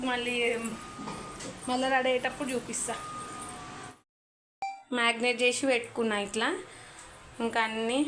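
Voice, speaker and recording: Home vlogger: a woman, high and chatty, addressing viewers directly, recorded on a phone with loud household noise. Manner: chatty, talks straight to viewers. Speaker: family vlogger. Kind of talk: casual home cooking vlog. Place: home kitchen.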